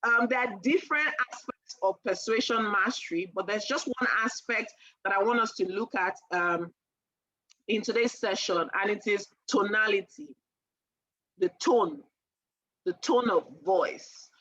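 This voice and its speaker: A woman teaching a sales class in a chatty, animated way, often asking her listeners questions. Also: medium pitch, measured pace, no echo, lo-fi sound. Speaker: sales trainer.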